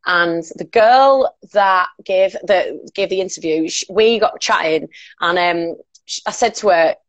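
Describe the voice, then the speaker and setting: Speaking unhurriedly in a lowish voice, this late-twenties woman has a Northern English accent and the recording has no room sound. A radio presenter by trade, she's on as a guest, trading stories in relaxed conversation.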